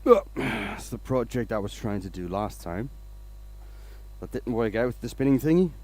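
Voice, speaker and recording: A man's voice: mid-range voice, animated, measured pace, a little mellow. A man from Denmark, hosting a casual woodturning livestream, rambling along and greeting viewers by name.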